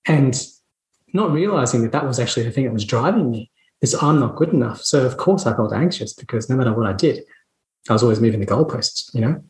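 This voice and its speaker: A man's voice: medium pitch, expressive, fast, a little mellow, roomy sound, low-quality recording. A man in his thirties, a dentist telling his story as a podcast guest, earnest and reflective, with frequent restarts and laughs. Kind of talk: conversational storytelling.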